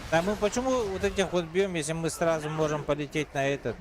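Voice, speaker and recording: A man's voice: a little high, steady tone, fairly quick, background noise. A man chatting casually as he plays a video game with a friend. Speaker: fellow player. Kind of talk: casual gameplay chat.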